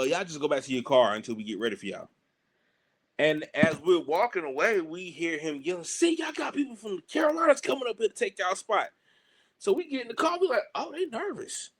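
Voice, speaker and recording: A man telling stories casually and animatedly in colloquial speech, acting out the exchanges he quotes. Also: medium pitch. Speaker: pro wrestler telling stories.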